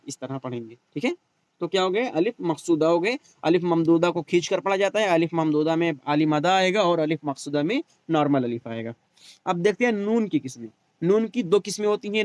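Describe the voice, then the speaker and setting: A man's voice: on the high side, a little mellow, no room sound. A man teaching an exam-prep grammar lesson, patiently repeating example words and quizzing the listener.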